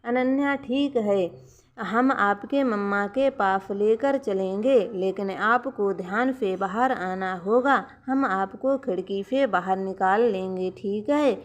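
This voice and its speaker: A woman voicing a polite, gentle young woman in a storybook tale. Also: medium pitch, slow, close to an everyday voice. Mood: coaxing. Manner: soft, polite, coaxing.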